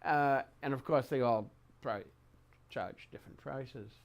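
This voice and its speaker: An older man reminiscing in an oral-history interview, speaking haltingly with repeated words and pauses mid-sentence. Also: mid-range voice. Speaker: interviewee recounting memories.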